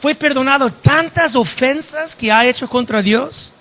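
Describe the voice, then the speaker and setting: A pastor preaching a sermon and often asking the congregation direct questions. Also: male voice, very high voice, measured pace, pushed and bright.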